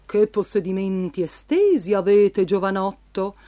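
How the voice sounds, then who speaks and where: A woman voicing a curious, easily impressed male king in a storybook reading, drawing out his words slowly. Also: mid-range voice, lively intonation, dark tone, pitched below the performer's own voice, natural voice. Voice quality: slow, drawn-out.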